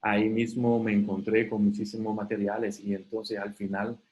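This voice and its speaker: A man facilitating an online webinar. He explains in a conversational way, often checks in with "ok?", and briefly acts out quoted questions in a higher voice. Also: level tone, moderate pace, a little mellow, rough recording. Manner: conversational, often tags sentences with "¿ok?". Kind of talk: live online talk.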